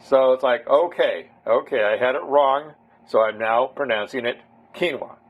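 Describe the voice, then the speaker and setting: In a lo-fi recording, a man with a mid-range voice talks at a moderate pace as he demonstrates a home recipe. He guides viewers step by step in a loose, chatty, rambling way.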